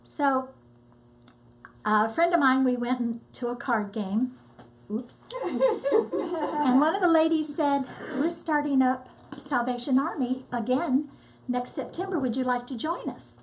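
An older woman, a disaster relief volunteer, telling her story in a lively, casual way and acting out what people said. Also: high voice, unhurried, a little hiss or hum. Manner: lively storyteller, acts out quotes. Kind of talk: casual testimony.

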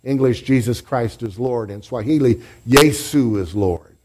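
This pastor delivers a teaching sermon to his congregation at a slightly slow pace, his medium-pitched voice a little mellow. He leads the church in call-and-response and group praise.

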